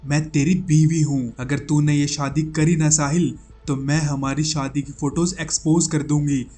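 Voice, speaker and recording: A man's voice: sits high, lively intonation, moderate pace, soft background music, voice pushed up. A man voicing a desperate betrayed young woman. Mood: furious. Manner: pleading, then shouting accusations.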